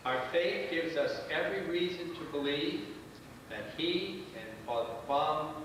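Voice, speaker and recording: A man's voice: on the high side, lively intonation, measured pace, far from the mic. A man preaching solemn condolences to a congregation, recorded from afar in an echoey space. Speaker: clergyman. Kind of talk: sermon of condolence. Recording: echoey noisy hall from afar.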